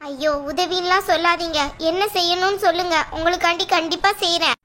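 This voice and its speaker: A woman's voice: extremely high pitch, steady tone, a little fast, slight background noise. A woman doing a soothing cartoon mother-in-law. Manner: soft, apologetic, soothing. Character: gentle soothing middle-aged mother of the groom. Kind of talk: cartoon voice acting.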